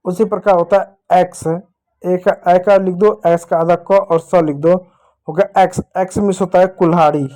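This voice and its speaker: Male teacher, north indian hindi accent, mellow warm tone, patient repetitive whiteboard explaining to kids. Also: sits high, steady tone, normal speed. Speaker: English teacher. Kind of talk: whiteboard lesson for children.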